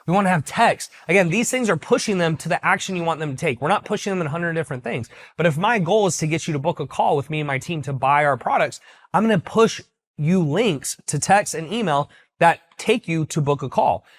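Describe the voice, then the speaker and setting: A man's voice: a little high, lively intonation, brisk. A man teaching sales and business methods in a casual video, talking directly and persuasively and checking in with the listener. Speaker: business coach.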